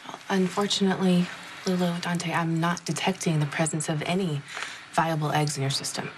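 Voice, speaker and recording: An actress playing an apologetic fertility doctor in a television soap opera, speaking in a careful, halting way. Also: female voice, on the low side, steady tone, noisy background, natural voice. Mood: grave, apologetic. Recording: loud background music under dialogue.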